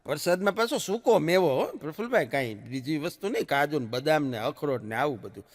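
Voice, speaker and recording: A man's voice: on the high side, animated, fairly quick, big-room sound. A man telling jokes on stage, a chatty storyteller who swings his voice up and down for punchlines. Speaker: stand-up comic. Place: live stage show. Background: audience laughter.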